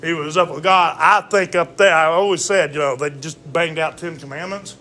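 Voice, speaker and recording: A man with a bright, fairly high voice teaches a casual Bible study. He reads verses slowly and deliberately, then explains them in a loose, conversational way, often asking "all right?" A faint hum of noise sits behind him.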